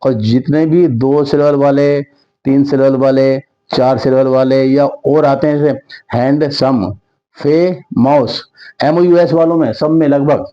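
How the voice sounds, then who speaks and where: A man's voice: mid-range voice, fairly even intonation, unhurried, muffled recording. A male teacher giving a grammar lesson, drawing words out and repeating examples to drill them. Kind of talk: Hindi-language grammar lesson.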